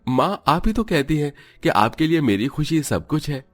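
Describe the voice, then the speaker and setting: A man's voice: a little high, big pitch swings, moderate pace, a bit bright, soft background music. A man voicing a protective young husband in a cartoon story, reassuring and firm.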